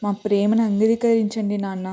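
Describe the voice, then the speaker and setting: A woman's voice: medium pitch, flat delivery, normal speed, warm tone, lightly acted. A woman voicing a young daughter, tearful and pleading with her father.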